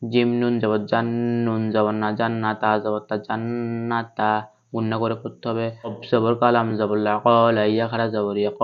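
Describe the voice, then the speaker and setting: A man teaches recitation in a flat, unhurried voice. He spells every letter and vowel mark before he reads the word slowly. The sound is smooth and clear but a little dull. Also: fairly low pitch. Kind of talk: online spelling-based recitation lesson.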